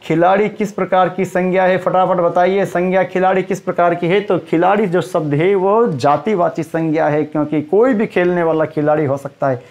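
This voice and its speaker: Guy with a high voice teaching grammar, keeps quizzing the class and drawing out key words. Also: steady tone, darkish tone. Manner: quizzing students, slow emphatic repetition. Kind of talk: Hindi grammar lecture.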